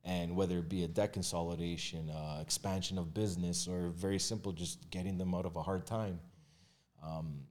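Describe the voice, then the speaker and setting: A man's voice: sits low, steady tone, normal speed, darkish tone. A man speaking as a guest in a casual podcast conversation about his work in mortgages and real estate, candid and loose, with plenty of fillers and restarts. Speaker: mortgage agent and realtor guest.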